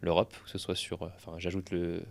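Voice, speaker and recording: A man's voice: deep voice, monotone, a little fast, creaky. A male podcast host summarizing his guest's points in a hesitant, conversational way. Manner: summarizing, hesitant, many fillers.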